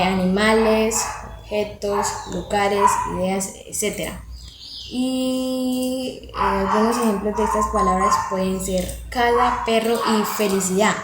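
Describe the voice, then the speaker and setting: A young woman reading a class presentation, listing examples in a slow, measured way with hesitant fillers. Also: medium pitch. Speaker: student presenter. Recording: echoey room, faint background noise.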